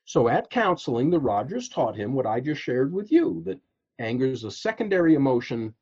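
A man telling a story on a podcast as a guest coach, acting out the quotes with lively laughs. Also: medium pitch, fairly quick, breathy edge, lo-fi sound. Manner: animated storyteller, acts out quotes, frequent laughs.

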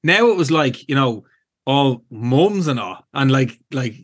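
A man's voice: medium pitch, lively intonation, a little slow, slightly rough. A man in his forties with an Irish accent, a guest chatting casually in a rambling way, full of fillers. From Ireland. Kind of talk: casual chat.

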